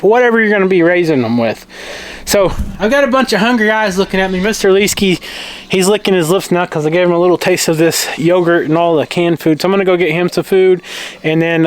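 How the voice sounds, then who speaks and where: A man's voice: high-pitched, clear, resonant tone. A man with a Southern US accent chatting casually and plainly in a folksy way as a farm vlogger, outdoors. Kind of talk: casual vlog chat.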